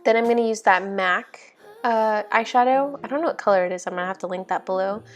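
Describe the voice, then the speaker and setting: A young woman hosting a vlog talks fast in a mid-range voice as she casually describes her makeup routine. Her narration is chatty and informal, set over background music.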